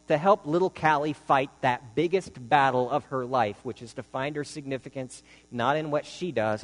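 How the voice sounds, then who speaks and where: Man preaching in an echoing hall. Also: medium pitch. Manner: conversational, many "you know" fillers. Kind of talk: sermon with storytelling. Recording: long hall reverb with mains hum.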